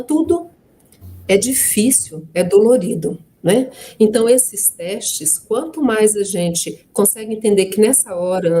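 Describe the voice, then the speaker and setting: Mellow middle-aged Brazilian woman, anecdotal panel guest. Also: medium pitch. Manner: warm anecdotal telling, frequent tag questions. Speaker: adoptive mother and guest speaker. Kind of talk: personal storytelling in an online panel talk.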